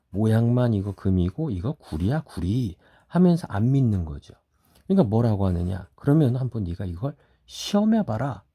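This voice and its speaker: A middle-aged man preaching a sermon as a pastor, telling stories, acting out quoted voices and dropping at times to soft whispers. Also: low-pitched, husky, dry recording, clean studio sound.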